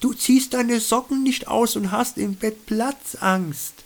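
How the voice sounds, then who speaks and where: A man's voice: extremely high pitch, slow, pitched above the performer's own voice, heavily acted. A man voicing his female travel companion in a raised, dry and blunt voice. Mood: matter-of-fact.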